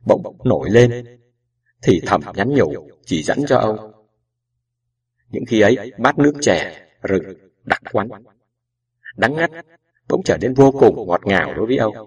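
A man narrating a novel as an audiobook in a slow, measured storytelling way. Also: mid-range voice, breathy edge. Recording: distant mic with background music.

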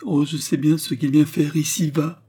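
A man reading a joyful young noblewoman who has just learned she will marry, his voice lifted higher and excited. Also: normal speed, husky. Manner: excited, breathless exclamations.

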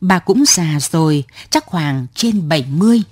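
A woman narrating an audio story in a calm, measured way. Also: deep voice, slightly rough, no room sound.

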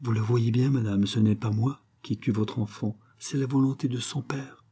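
A man voicing a distraught young nobleman who speaks in a hushed, breaking, half-whispered way. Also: medium pitch, fairly even intonation, moderate pace, husky, close to an everyday voice.

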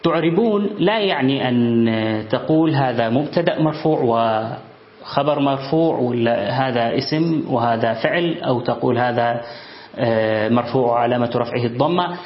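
Man, religious teacher, explaining a classical text, measured, pauses, echoey room, muffled recording. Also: mid-range voice. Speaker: Islamic studies teacher. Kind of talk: explanatory lesson, reading a text and commenting. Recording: roomy, dull lo-fi sound.

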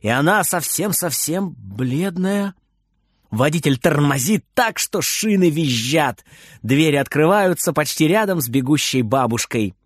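A male narrator reads a children's storybook in an animated way, his voice fairly high and rising and falling a lot. The sound is close and dry, with no room echo. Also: unhurried. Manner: expressive, animated reading.

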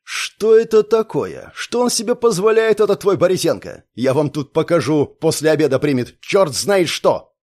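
A man's voice: a little high, expressive, brisk, natural voice. A man doing a browbeating police colonel. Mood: furious. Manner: forceful, browbeating. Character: commanding middle-aged male police colonel, domineering.

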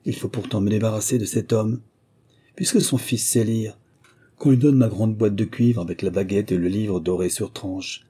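Male reader doing a huffy rain fairy lady in a storybook, sniffly and snappish, voice jumps higher, husky edge. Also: fairly even intonation, normal speed, mellow. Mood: scornful. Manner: lamenting and snappish. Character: whiny, sniffling old female rain spirit.

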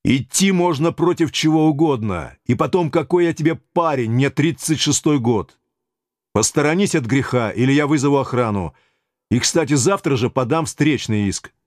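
A man voicing a brash, rowdy man in his thirties who talks in a loud, mocking, coarse way. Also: medium pitch, lively intonation, moderate pace, no room sound, clean studio sound, voice pushed up, natural voice. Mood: cocky. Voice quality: hoarse and coarse when shouting.

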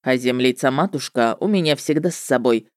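A woman's voice: a bass voice, a little fast, a little mellow, no room sound, studio quality, pitched below the performer's own voice. A woman voicing a brash, cocky male witcher in an audiobook, talking in a curt, dismissive, matter-of-fact way. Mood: brusque.

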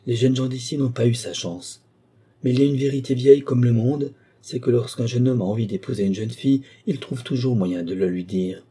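A man reading the part of an aging village lawyer who talks slowly and gently, pausing heavily. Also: medium pitch, steady tone, slightly rough, pitched above the performer's own voice. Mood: gentle. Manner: slow, gentle and pleading, with heavy pauses.

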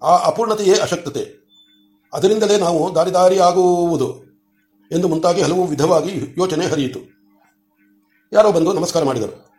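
A man reading a novel aloud at a steady pace, repeating words to fix small slips. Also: high voice, moderate pace, pauses often. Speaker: audiobook reader. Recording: roomy echoey room.

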